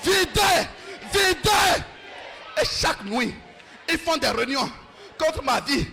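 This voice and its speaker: High, fervent shouting preacher man. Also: very animated, takes it slowly, gravelly, a faint crowd, a little hiss or hum. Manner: fervent, repeats short commands over and over. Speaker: pastor. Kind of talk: shouted deliverance prayer.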